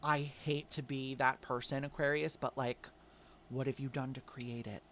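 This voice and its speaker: A man doing a casual tarot reading, coaxing and chatty, calling listeners babe, swinging between loud and soft. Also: medium pitch, little pitch movement, normal speed, a little hiss or hum. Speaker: tarot reader.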